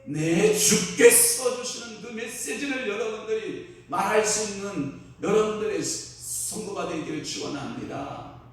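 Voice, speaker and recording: A male pastor delivers an emphatic sermon, often turning to quiz his congregation. His voice sits a little high for a man. The recording is heavily echoey, picked up from well away from the mic. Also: lively intonation, unhurried, far from the mic. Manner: emphatic, quizzes the congregation with questions. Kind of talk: expository sermon.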